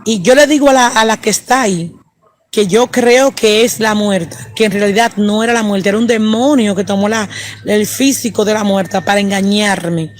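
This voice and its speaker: A man's voice: high-pitched, fairly even intonation, moderate pace, slight background noise. A man evangelist, telling a personal testimony and peppering it with praise interjections. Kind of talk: testimony storytelling.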